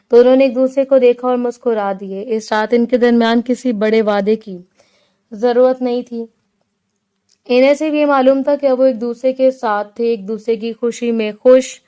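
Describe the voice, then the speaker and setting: A woman narrating her own romance novel as an audiobook, calm and gentle in her storytelling. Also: a little high, smooth. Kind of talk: reading a romance novel aloud.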